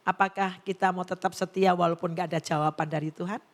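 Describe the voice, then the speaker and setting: A middle-aged woman pastor preaching at a women's church service, telling stories and quoting people in lively voices. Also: on the low side, fast talker. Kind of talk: sermon.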